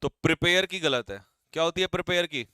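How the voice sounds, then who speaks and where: Brisk, teasing male exam-prep teacher; bright, crisp voice, slightly high. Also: no room sound, clean studio sound. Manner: brisk, quizzing students and teasing them. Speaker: English vocabulary teacher. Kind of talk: live online exam-prep class.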